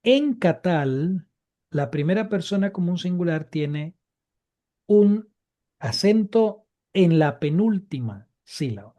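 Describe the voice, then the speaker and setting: A man's voice: high voice, animated, slow pace, dark tone, muffled recording. A man teaching a live Biblical Hebrew grammar class, explaining patiently and repeating each key point.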